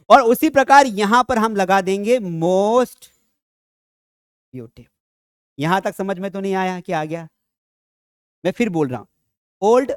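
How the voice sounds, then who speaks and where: A man teaching a grammar lesson in a lively classroom style, asking rhetorical questions and dropping jokey asides. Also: high voice, no room sound, studio quality. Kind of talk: classroom lecture.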